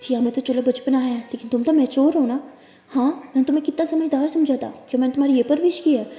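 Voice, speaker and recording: A sharp, reproachful middle-aged aunt, put on by a woman storyteller, with a high, mellow voice. She interrogates in a demanding tone. The sound rings in an echoey room with a long tail. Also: brisk, dull audio. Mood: stern scolding.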